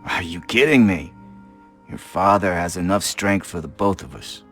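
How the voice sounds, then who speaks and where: An actor playing a gruff, middle-aged veteran police officer in a video game, lecturing in a stern, fatherly way. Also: sits low, takes it slowly, faint music behind. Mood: forceful.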